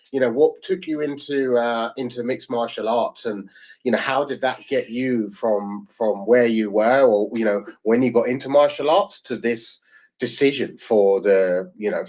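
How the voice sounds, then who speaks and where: A man's voice: mid-range voice, moderate pace, a little mellow. A man hosting a podcast in a laid-back way, calling his guest bro and man and hyping him up. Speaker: podcast host. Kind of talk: casual podcast interview.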